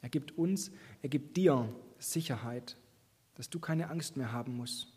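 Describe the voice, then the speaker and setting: A man's voice: mid-range voice, a little slow, darkish tone, slightly rough. A man preaching a sermon, earnest and encouraging, speaking directly to his listeners. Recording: long hall reverb.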